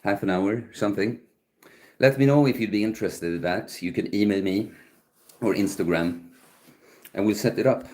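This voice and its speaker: A man's voice: fairly low pitch, moderate pace, long pauses, a little mellow. A man, hosting a livestream and chatting casually as he muses aloud and answers viewer comments. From Sweden. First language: Swedish. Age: 30s. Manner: musing, chatty, answers chat questions aloud. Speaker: livestream host.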